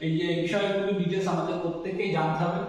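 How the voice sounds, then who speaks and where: A man teaching an exam-prep English lesson, reading each question slowly and often checking that his students follow. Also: high voice, little pitch movement, a little mellow. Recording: echoey room, distant mic.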